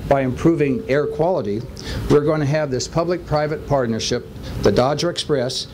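A man's voice: mid-range voice, normal speed, a little mellow. An older man from Los Angeles, a county official giving a folksy public speech at a podium outdoors. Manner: folksy, with baseball metaphors. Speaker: county supervisor. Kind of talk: public speech at a press event. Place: outdoors at a stadium lot beside a bus. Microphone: podium microphone. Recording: outdoor noise in the background.

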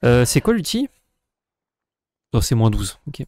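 A man with an ordinary middle-pitched voice plays a card game while thinking aloud, counting his moves in a relaxed, casual tone. The recording is dry and close-miked. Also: unhurried, no echo. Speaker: co-host playing the game. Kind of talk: casual gameplay commentary.

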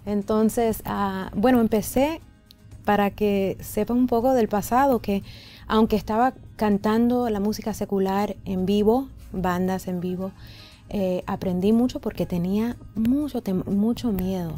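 A woman, a native English speaker with American-accented Spanish, answering haltingly in an interview and searching for words. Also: medium pitch, steady tone, dark tone, soft background music. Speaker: interview guest, singer. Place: indoor radio and TV studio set.

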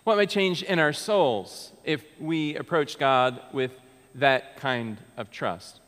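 A fairly high-pitched, slightly bright voice speaks slowly as an American pastor in his thirties preaches from a large church's pulpit. His sermon is earnest and conversational, marked by frequent restarts. The audio, from a pulpit mic recorded by a far camera, carries a long church reverb.

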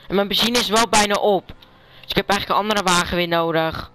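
A man's voice: high voice, bright, forceful tone, soft background music, poor audio. Urgent male gaming vlogger. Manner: urgent, hurried calls to a teammate. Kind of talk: live gaming commentary with a friend.

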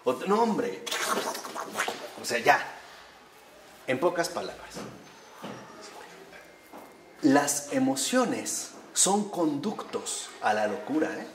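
A mid-pitched man lectures a live audience in a room with a roomy echo. He explains his points step by step and keeps checking in with a quick tag question. Faint ambient noise sits behind his voice. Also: very animated.

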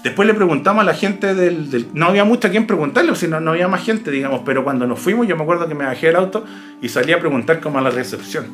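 A Chilean man casually telling a personal ghost story, lively and full of slang, imitating sounds as he goes. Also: fairly high pitch, rapid-fire, faint music behind. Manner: animated, imitates barks and hoofbeats, slangy. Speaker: YouTuber telling ghost stories.

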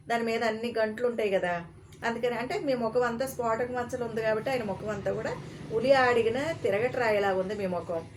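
A woman telling a comic story in a casual, chatty way, pausing to explain old words. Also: medium pitch, slight background noise.

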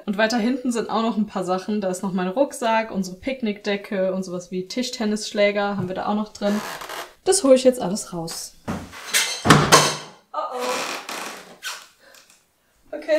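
A woman's voice: mid-range voice, a little hiss or hum. Chatty young woman vlogging at home. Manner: chatty, upbeat, listing her chores. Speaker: lifestyle vlogger. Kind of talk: casual vlog talk to camera. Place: small bright apartment room, indoors.

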